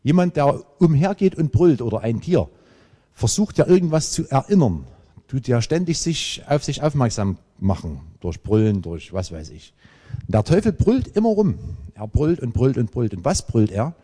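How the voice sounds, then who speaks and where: A man preaching a sermon, emphatic and lively, with dramatic pauses. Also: medium pitch. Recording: long hall reverb.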